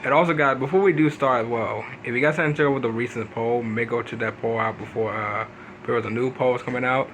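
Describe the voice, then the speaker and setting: Man, casual gameplay commentary, rambling, filler-heavy, sudden pitch jumps, faint noise. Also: fairly even intonation, fast, fairly bright tone, poor audio. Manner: rambling, leans on "pretty much" fillers and restarts. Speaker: gaming video host.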